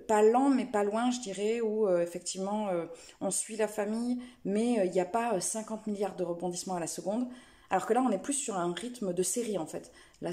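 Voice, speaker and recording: A woman's voice: on the low side, dark tone. A woman reviewing books in a casual chat, hesitant and full of fillers. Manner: chatty, hesitant with many fillers. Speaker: book and knitting vlogger.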